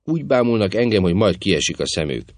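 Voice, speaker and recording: A man's voice: on the low side, sing-song, dry recording, pitched above the performer's own voice. A man reading an audiobook, voicing a vain, flirtatious stage actress who teases and coaxes in a coquettish manner. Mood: playful. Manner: coquettish, teasing, affectionate. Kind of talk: audiobook character voice.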